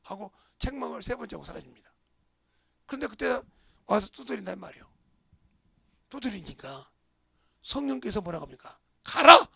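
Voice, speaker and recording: A middle-aged male pastor preaching a storytelling sermon, acting out voices and sometimes shouting. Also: sits high, sing-song, moderate pace, vocal fry, long pauses, husky, no echo. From South Korea.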